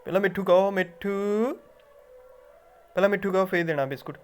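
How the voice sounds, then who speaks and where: A man's voice: sits high, normal speed, faint music behind. Coaxing man. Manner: coaxing and scolding, repeating short phrases. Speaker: pet owner. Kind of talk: casual talk to a pet parrot.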